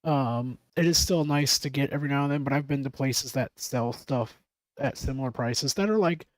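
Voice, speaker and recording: A man talking casually and at length, drifting from point to point, with frequent swearing and laughter. He sits close to a dry mic with no room sound. His pitch is mid-range for a man. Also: moderate pace, no room sound, low-quality recording. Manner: rambling, swears a lot, laughs often. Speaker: streamer. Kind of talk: casual chat.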